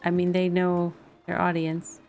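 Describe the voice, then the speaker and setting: Thinking aloud as she plays, this woman gives casual live commentary as a game streamer. Her lowish voice is monotone, creaky, a little mellow, and slightly slow. Music and game audio sit behind her speech.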